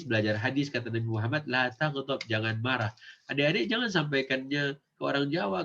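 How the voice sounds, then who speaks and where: A man's voice: mid-range voice, a bit bright, dull audio. A man teaching children, speaking casually and asking them questions that he then answers himself. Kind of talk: casual lesson for kids.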